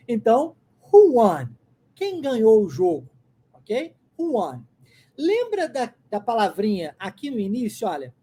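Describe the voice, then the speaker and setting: A Brazilian woman teaching English in Portuguese, explaining patiently and modeling phrases slowly with a rising lilt. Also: on the high side, mellow, slightly rough. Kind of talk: language lesson.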